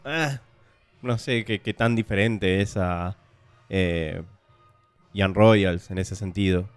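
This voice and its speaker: A man's voice: sits low, takes it slowly, clear, resonant tone, soft background music. A man co-hosting a casual film-review podcast, easygoing and conversational. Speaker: podcast co-host.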